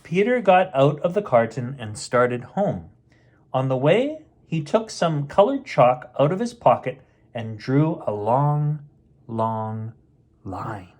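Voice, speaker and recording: This bedtime story host, a middle-aged man, reads a picture book slowly in a sing-song, mid-range voice with a darkish tone. Between passages he chats playfully with the children listening.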